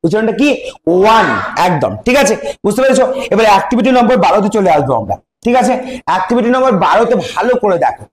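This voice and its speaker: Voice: medium pitch, big pitch swings, rapid-fire, echoey room. A primary school teacher giving a revision lesson, asking questions and answering them, repeating key words and explaining step by step. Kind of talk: revision lesson for young pupils.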